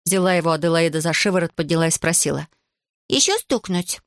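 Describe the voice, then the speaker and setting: A woman reading a children's book aloud as narrator, lively and expressive. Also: deep voice, racing, no echo, studio quality. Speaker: audiobook narrator.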